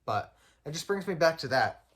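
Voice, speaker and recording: A young podcast host at home reads aloud, then drifts into rambling chat, interrupting himself and chuckling often. His voice is on the high side, very animated and fairly bright, at a moderate pace.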